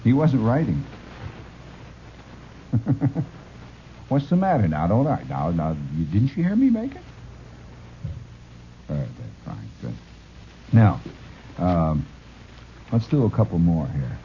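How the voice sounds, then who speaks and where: A man's voice: low-pitched, slow pace, long pauses, a little hiss or hum. A man from Illinois, a radio host telling a rambling story with laughs and restarts. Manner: animated, laughing, full of restarts. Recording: dull lo-fi radio recording.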